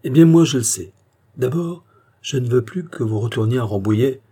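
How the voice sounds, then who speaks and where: A gruff, fatherly chief of police with a dark, husky voice, as a male audiobook reader puts him on. He talks brusquely, lecturing his young inspector like a stern father. The delivery is a storybook reading rather than full acting. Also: mid-range voice, animated, moderate pace.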